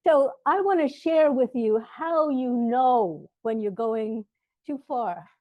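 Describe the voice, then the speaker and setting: A woman's voice: a little high, slow, no echo, muffled recording. A woman in her sixties giving a self-deprecating, humorous talk at an outdoor garden event. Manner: self-deprecating, wry storytelling. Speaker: vendor and speaker. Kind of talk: humorous presentation.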